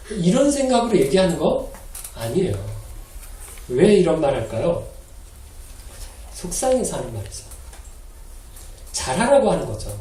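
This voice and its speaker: A man preaching a Sunday sermon as pastor, animated and acting out quoted lines in a changed voice. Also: fairly high pitch, slight background noise. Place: church hall. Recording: echoey hall, mic from a distance.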